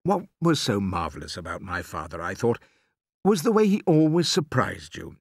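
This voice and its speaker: A man narrating a children's novel in the first person, with expressive storytelling. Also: on the low side, moderate pace, vocal fry, husky, dry recording, clean studio sound. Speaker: audiobook reader.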